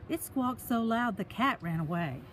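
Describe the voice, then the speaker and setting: Reading a picture book aloud to kids outdoors on a park trail, a woman uses a fairly bright, rather high voice with lively intonation and normal speed. She chats to the children directly in simple, encouraging asides, and there is slight background noise.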